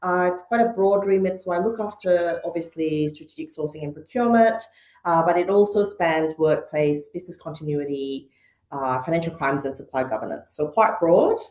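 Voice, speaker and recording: Her voice sits low with a darkish tone and a moderate pace. She's a middle-aged podcast guest from Malaysia and Hong Kong, speaking thoughtfully in a conversational interview with many ums and uhs, and the room sounds echoey.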